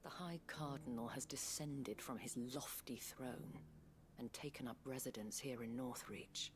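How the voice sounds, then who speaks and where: A woman voicing a worried, formal guardian in video game drama, hushed and breathy. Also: rumbling low, a little slow, background noise. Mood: worried, grave. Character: worried, well-mannered woman guardian of wards.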